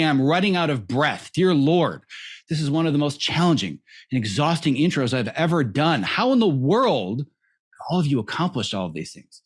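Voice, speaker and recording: A man hosting an interview podcast, giving an effusive, lively introduction of his guests. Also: medium pitch. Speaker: podcast host.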